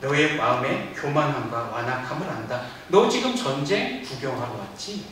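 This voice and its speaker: A man pastor giving a lively sermon in a church, acting out quoted lines as he goes. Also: medium pitch, normal speed, a little hiss or hum. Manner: animated preaching with acted-out quotes. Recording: echoey church sound from a distance.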